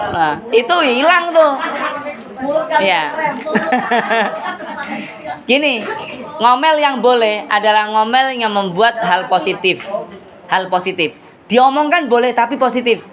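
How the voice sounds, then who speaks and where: A man preaching to a women's study group, animated, acting out scolding and prayer voices. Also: high voice. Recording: lively crowd audible in the hall.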